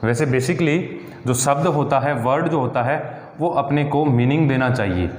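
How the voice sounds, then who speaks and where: A man's voice: medium pitch, moderate pace, a little mellow, a little hiss or hum. Man teaching in an echoey room. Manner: explanatory, repeats "ठीक है" and asks the class rhetorical questions. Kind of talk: classroom grammar lesson. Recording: echoey room with long reverb.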